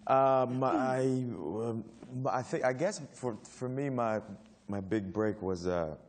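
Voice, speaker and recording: A man on a panel telling a casual story to an audience. He talks haltingly, with many fillers and restarts, and laughs often. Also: medium pitch. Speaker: actor on a panel. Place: stage before a live audience.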